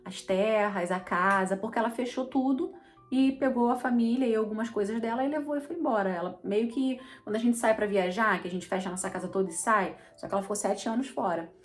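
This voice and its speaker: A woman's voice: fairly high pitch, a little fast. Brazilian woman teaching bible stories, chatty, keeps asking if ur following, bit of music under. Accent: Brazilian Portuguese. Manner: chatty, keeps checking in with listeners. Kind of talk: conversational Bible storytelling lesson.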